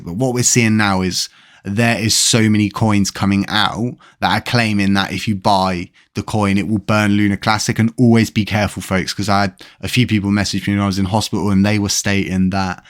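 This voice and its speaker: A man hosting a channel, talking casually and directly to his viewers while on strong painkillers. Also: on the low side. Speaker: crypto channel host. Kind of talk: casual vlog commentary to viewers.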